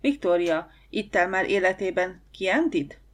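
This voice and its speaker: A woman's voice: on the low side, expressive, close to an everyday voice. A woman reading the part of a self-assured, joking young male lawyer in an audiobook. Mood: teasing.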